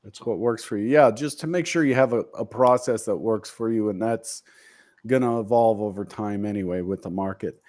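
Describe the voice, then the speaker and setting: At a moderate pace, a man in his fifties with a fairly low, darkish voice hosts a laid-back video-call conversation. He's in his home office on a studio mic, earnestly and a little self-deprecatingly sharing his goals.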